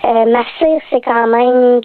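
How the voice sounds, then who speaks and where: A woman speaks through an electronic voice disguise, her tone pitched fairly high. She talks slowly and seriously, with many pauses and fillers. The sound is dry and thin, as if over a phone line. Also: no echo. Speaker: anonymous radio guest. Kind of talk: telling a personal story on air.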